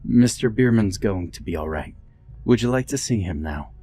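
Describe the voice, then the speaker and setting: A man voicing a gentle, reassuring elderly woman nurse in a narrated horror story. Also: on the low side, expressive, moderate pace, faint music behind. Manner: soft, soothing, motherly.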